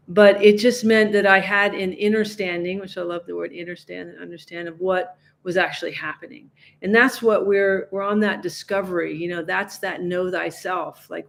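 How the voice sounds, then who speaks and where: A woman giving a live-stream spiritual talk, gentle and reflective, often restarting her sentences and voicing her own inner questions. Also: medium pitch, creaky. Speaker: spiritual teacher on a livestream.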